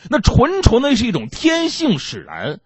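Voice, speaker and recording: A man's voice: very high voice, normal speed, breathy edge, dry recording. A man hosting a stand-up comedy show, telling stories with playful self-mockery and acting out the people in them. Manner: animated storytelling with acted-out quotes.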